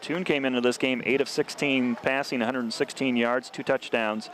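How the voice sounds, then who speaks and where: A man in a middle register calls a small-town high school football game from an outdoor booth, with faint open-air noise behind him. His delivery stays steady and even through the plays. It climbs hard and loud when a runner breaks free. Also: normal speed. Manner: steady, rises sharply on scoring plays. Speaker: play-by-play announcer.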